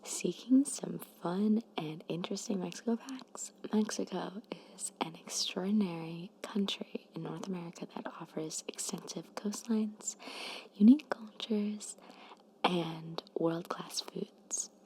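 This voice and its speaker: A soft-spoken woman doing ASMR in a breathy, slightly hoarse near-whisper, chatting hesitantly and informally. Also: lowish voice, rough recording. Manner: hesitant, self-conscious, informal. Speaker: ASMR creator. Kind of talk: soft-spoken ASMR, rambling chat and reading facts. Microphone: microphone at close to moderate distance.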